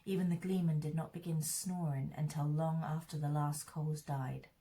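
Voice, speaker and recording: A woman reading a fantasy novel aloud in a steady, measured fan read-along narration. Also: deep voice. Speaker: audiobook reader.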